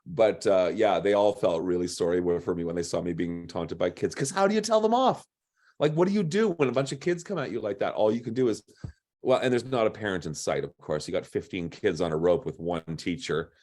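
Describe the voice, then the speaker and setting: A man with a gruff voice reading his own story aloud with wry, punchline-driven delivery. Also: low-pitched, lively intonation, a little fast, darkish tone. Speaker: storyteller and drag performer.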